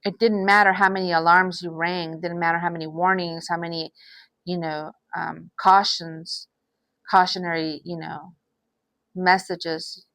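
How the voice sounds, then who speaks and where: A woman's voice: fairly low pitch, flat delivery, measured pace, a bit bright, no echo. A woman doing an unscripted tarot reading. She speaks in a somber, sympathetic way, restarts often, repeats her phrases and sighs. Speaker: tarot reader.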